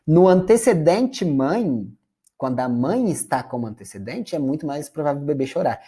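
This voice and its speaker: Husky Brazilian man lecturing casually. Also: a little high, big pitch swings, normal speed, mellow. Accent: Brazilian Portuguese. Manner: conversational, addresses audience as "gente". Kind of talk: classroom lecture.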